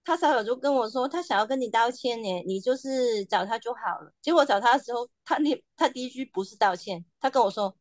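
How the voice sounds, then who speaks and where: A woman chatting as a podcast guest, telling her own story with animated quoted asides. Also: on the high side, no room sound. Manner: animated storytelling, quoting others in quick asides. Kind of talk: casual chat.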